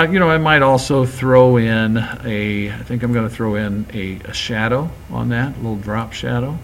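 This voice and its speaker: A man teaching graphics, talking through each step of a screen-recorded software tutorial in a relaxed, chatty way. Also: medium pitch, slight background noise.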